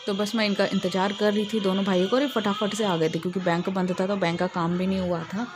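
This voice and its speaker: A woman's voice: medium pitch, little pitch movement, fast talker, over music. A woman narrating her day in a casual home vlog, telling it in a chatty, rambling way. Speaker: vlogger.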